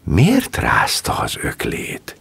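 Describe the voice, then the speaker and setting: A man's voice: sits low, sing-song, creaky, slightly rough, no echo, full character voice. A man doing a fragile rich young wife. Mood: plaintive. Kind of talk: audiobook character reading.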